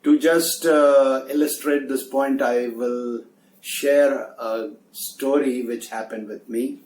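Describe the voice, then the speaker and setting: A middle-aged man, a soft skills trainer telling a story as a lesson in an earnest, conversational way. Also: medium pitch, fairly even intonation, slow. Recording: echoey room, distant mic, faint ambience.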